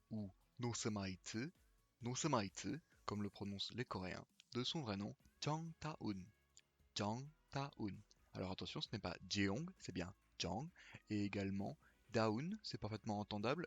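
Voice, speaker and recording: A man hosting a pronunciation video, slowly repeating each name with care in a scripted teaching monologue. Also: lowish voice, creaky, fairly bright tone, dry recording. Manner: slow, careful repetition of names.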